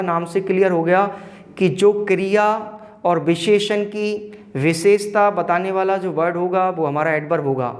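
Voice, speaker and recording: A man teaching an online grammar lesson, explaining slowly and repeating key terms. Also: high voice. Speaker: school teacher.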